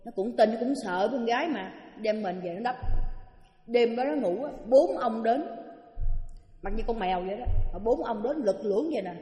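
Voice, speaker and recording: Southern Vietnamese woman, nun giving a dharma talk; raised, warm voice, chatty storyteller, long reverb in a roomy hall. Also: a little high, lively intonation, normal speed, soft background music. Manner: chatty, acts out quoted voices. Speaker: Buddhist nun teacher.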